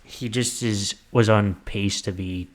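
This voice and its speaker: A man co-hosting a casual sports podcast, relaxed and agreeable, reeling off player stats. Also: on the low side, slow. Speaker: podcast co-host.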